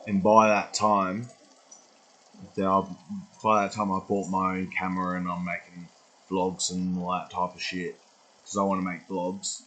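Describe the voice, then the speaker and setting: A young man in his twenties talks in a meandering, unscripted vlog monologue. His voice is fairly low and husky. He swears freely and often loses the thread of what he is saying. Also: monotone, measured pace, fairly bright tone, rough recording. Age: 20s. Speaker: vlogger. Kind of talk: rambling casual vlog monologue.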